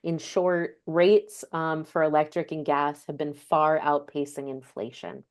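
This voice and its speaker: A woman's voice: deep voice, a little mellow. A woman giving a slide presentation, explaining step by step with frequent ums and self-corrections. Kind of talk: slide presentation on energy costs.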